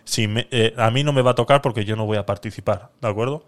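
A man's voice: lowish voice, fast talker. A man hosting a live-stream podcast, chatting casually with viewers while he talks himself through a giveaway. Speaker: livestream podcast host.

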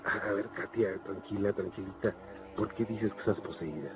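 A man's voice: fairly low pitch, normal speed, faint music behind, rough recording. A man hosting a paranormal radio call-in show, talking to callers in a soothing, reassuring way.

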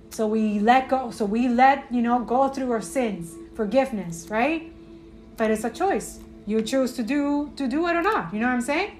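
A woman's voice: fairly high pitch, a little mellow. Earnest woman hosting a spiritual podcast. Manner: earnest, repetitive, often ends with "right?"; rambling with many fillers and restarts. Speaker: podcast host.

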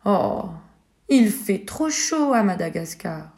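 A woman's voice: big pitch swings, takes it slowly, darkish tone. A woman voicing an earnest, hopeful little boy in a storybook reading. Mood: sad. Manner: high, eager, near tears.

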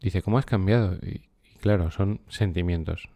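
A deep, mellow-voiced man talks calmly and unhurriedly. He hosts a relaxed solo podcast, sounding close and dry with no room echo. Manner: calm, unhurried. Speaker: podcast host and trainer. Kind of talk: casual podcast monologue on a book.

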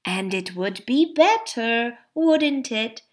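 A woman's voice: on the high side, animated, takes it slowly. A woman doing a silky purring cat schemer. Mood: sly. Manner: soft, sly and coaxing. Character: sly silky-voiced male cat plotter.

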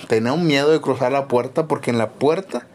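A young man with a Mexican accent, chatting casually as a podcast co-host and telling stories in a slangy, swearing, animated way. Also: medium pitch, quick pace. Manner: slangy, animated storyteller who swears a lot. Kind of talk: casual chat.

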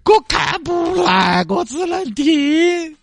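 A man voicing a whiny, self-pitying woman truck driver who is stranded on the highway in a comedy skit. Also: big pitch swings, takes it slowly, a bit bright, dry recording, studio quality, full character voice. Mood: whiny, tearful. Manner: whiny, self-pitying wailing and dramatic complaints. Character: weepy, helpless woman trucker, middle-aged.

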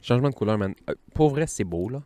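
A man's voice: on the low side, expressive, quick pace, mellow, no echo. A man with a Québécois French accent co-hosting a podcast in casual chat, slangy, swearing freely and laughing often. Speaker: podcast co-host.

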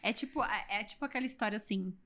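A woman from Brazil hosting a podcast who works as a mentor, chatting in a relaxed, agreeing way. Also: medium pitch, fast talker. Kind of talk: casual podcast chat.

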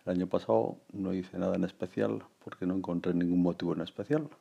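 Man around 60, very low pitch, dark tone, reflective casual monologue. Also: fairly even intonation, fast, creaky, husky, highs cut off. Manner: rambling, reflective, many fillers and restarts. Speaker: podcast host.

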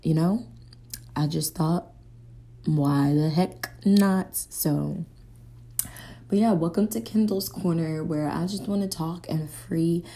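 A woman's voice: deep voice, slow pace, pauses often, mellow, a little hiss or hum. A young woman, hosting a solo podcast in a rambling, casual stream of consciousness, often hunting for words. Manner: rambling, searching for words, filler-heavy. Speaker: podcast host.

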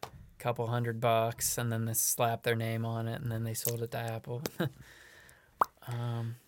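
A man's voice: mid-range voice, monotone, a little slow, slight background noise. A man chatting casually as a podcast guest, rambling with lots of fillers and frequent laughs. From Illinois. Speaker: podcast guest, comedian and show producer.

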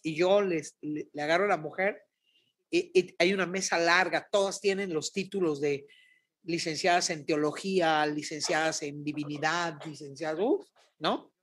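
A middle-aged Mexican woman, a guest prophet, telling a lively faith story on a podcast and acting out the dialogue. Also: deep voice, normal speed. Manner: animated, acts out dialogue.

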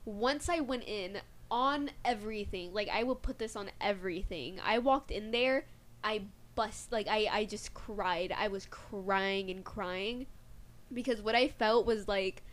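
A woman's voice: medium pitch, measured pace, fairly bright tone. A young woman, a guest, telling a personal story in casual chat, rambling with many fillers.

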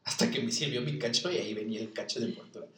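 A man's voice: medium pitch, very fast, a bit bright, far from the mic, a little hiss or hum. A young man with a Mexican accent telling funny anecdotes in a casual chat, laughing often and mimicking people in his stories. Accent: Mexican Spanish. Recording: echoey room, voice a bit off-mic.

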